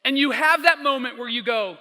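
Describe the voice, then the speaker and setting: A man preaching a sermon as a pastor, telling stories emphatically and slowing down for quotes. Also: extremely high pitch, bright, forceful tone. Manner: storytelling, emphatic, slows down for quotes. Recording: long hall reverb.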